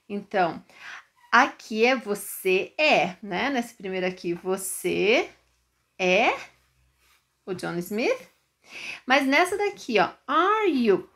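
A woman teaches an English lesson for beginners, explaining each example with patience. She reads the English sentences slowly and a little higher, then checks in with her students after each point. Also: fairly bright tone. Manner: patient, repeats and checks understanding with "né?" and "ok?".

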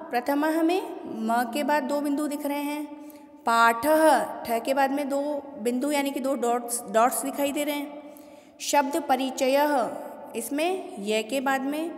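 A high-voiced woman teacher gives a classroom lesson on Sanskrit pronunciation, patiently saying each word slowly and repeating it. She often pauses to ask students if they follow, and her voice rings through a hollow room with a long reverb tail.

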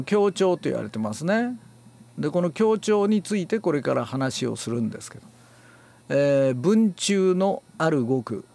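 Man, speech instructor lecturing, gravelly voice, fairly high pitch, lots of filler pauses, firm stress on key words. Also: a little mellow. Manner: unhurried and explanatory, with frequent filler pauses. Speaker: announcing and reading instructor. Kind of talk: spoken lecture on speech theory.

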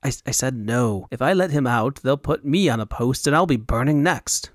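A man voicing a nervous male militiaman guard who talks in a hushed, wary way, in a storybook audiobook. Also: medium pitch, lively intonation, normal speed, dry recording, clean studio sound, lightly acted.

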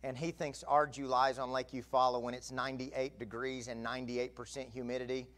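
A man's voice: medium pitch, little pitch movement, a little fast, fairly bright tone. A middle-aged man, an assistant pastor giving announcements and then preaching with growing emphasis in a church sanctuary. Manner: conversational, rising to emphatic preaching. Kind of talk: announcements and sermon. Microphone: pulpit mic, far camera.

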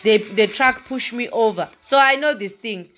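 A woman's voice: fairly high pitch, moderate pace, a bit bright. A woman chatting casually and rambling as she vlogs with a handheld phone, walking outside and into a cave. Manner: chatty, rambling, laughs at herself. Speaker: vlogger. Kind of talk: casual travel vlog. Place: walking outdoors, then inside a cave.

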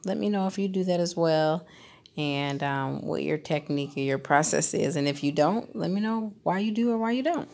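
A woman vlogger giving a chatty, relaxed voice-over about her home cleaning routine. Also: deep voice, moderate pace, gravelly. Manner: chatty and relaxed, with fillers like "um" and "kinda". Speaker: lifestyle vlogger. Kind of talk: casual voice-over narration. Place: home recording, voice-over not recorded in the pictured kitchen.

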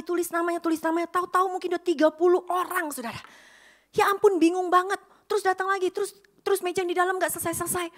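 A woman's voice: sits high, fairly bright tone. A woman pastor from Indonesia preaching in a storytelling way, acting out the voices of the people in her story. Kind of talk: storytelling sermon.

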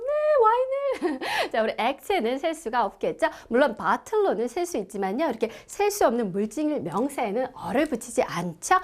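A woman from South Korea teaching an English grammar lecture, who repeats words in sing-song drills and laughs often. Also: high voice.

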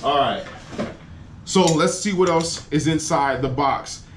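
A man's voice: on the high side, slow, a little hiss or hum. Enthusiastic man on an unboxing vlog. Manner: enthusiastic, exclaims over each part. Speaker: cycling vlogger. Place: outdoors against a building wall.

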